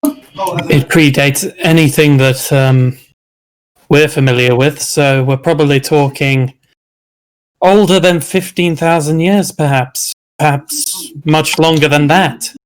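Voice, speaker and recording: A man's voice: a little high, slow pace, rough recording. Scholarly musing man at a game table. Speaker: player. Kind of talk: in-character tabletop play.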